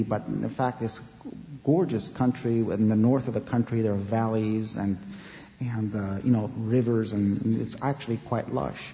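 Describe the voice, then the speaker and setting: A man's voice: medium pitch, dark tone. A man who grew up in Afghanistan, speaking as an author being interviewed, thoughtful and hesitant with many fillers and restarts. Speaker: author, guest. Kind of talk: interview conversation. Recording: roomy, dull with long reverb.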